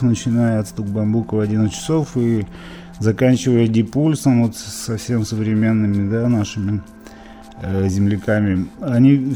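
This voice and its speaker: A musician from Izhevsk, Russia, reminisces in a casual interview, rambling with many fillers and restarts. His voice is medium in pitch and warm in tone.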